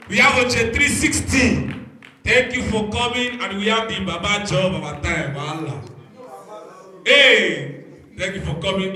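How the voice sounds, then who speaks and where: Male Nigerian comedy host, bright forceful voice, teasing crowd work, heard in a very echoey venue. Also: high voice, slight background noise. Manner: teasing, calling out to the audience. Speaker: stand-up comedian and show host. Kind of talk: crowd-work stand-up comedy, mixing English and Pidgin. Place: live comedy venue with an audience. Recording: echoey venue, distant stage sound.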